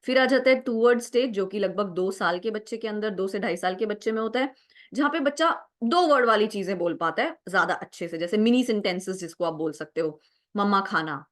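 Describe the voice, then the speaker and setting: Speaking slightly quickly in a mid-range voice, a young woman leads an exam-preparation class. Her explanations proceed one step at a time, she mixes English into her Hindi, and "right?" comes up often.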